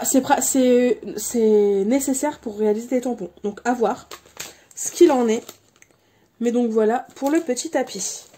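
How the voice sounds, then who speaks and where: A woman hosting her crafts channel, chatting casually through a haul of supplies, halting often with fillers and restarts. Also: fairly high pitch, warm tone, slight background noise. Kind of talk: casual product haul chat.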